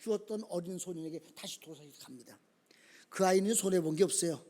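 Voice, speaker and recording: A male pastor preaching a sermon, swinging from quiet talk to shouted calls and often asking the congregation questions. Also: high-pitched, fast talker. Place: church sanctuary.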